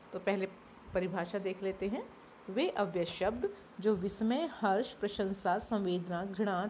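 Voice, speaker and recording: A woman with a medium-pitched, slightly mellow voice leads a classroom-style grammar lesson. She explains things step by step, asking questions and answering them herself, with a little hiss or hum in the background.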